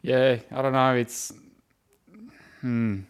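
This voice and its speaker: Australian male sports co-host, casual and hesitant, mid-pitched, recorded in a country shed. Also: little pitch movement, slow pace, smooth. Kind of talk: casual football discussion. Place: in a wooden shed in the countryside, poorly soundproofed.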